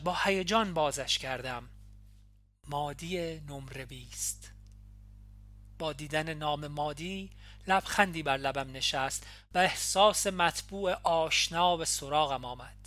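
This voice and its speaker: A woman narrating an audiobook in the first person, calm and measured. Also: low-pitched, dry recording. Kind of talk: audiobook reading.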